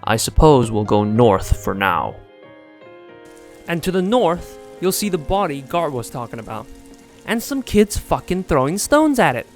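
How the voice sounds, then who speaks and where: A man's voice: on the high side, sing-song, unhurried, faint music behind. A man hosting a video essay in scripted commentary, sarcastic and joking.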